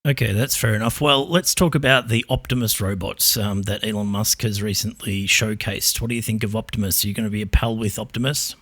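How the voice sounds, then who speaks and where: A man hosting a casual tech podcast, talking in a relaxed, probing way with frequent ums as he quizzes an AI. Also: fairly low pitch, brisk, hardly any pauses, no echo, studio quality. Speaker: podcast host.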